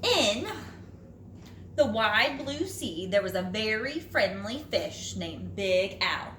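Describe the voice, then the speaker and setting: A teacher with a bright, medium-pitched voice reads a storybook to her pupils, dramatic and expressive, drawing out phrases in an animated read-aloud. The room has a roomy echo and light background noise.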